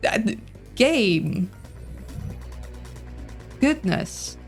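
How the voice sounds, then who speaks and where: Her voice is medium-pitched and creaky, moving extremely slowly with big pitch swings. A Dutch-accented woman streaming a game, she rambles casually and thinks aloud, her streaming mic using voice filters as game music plays.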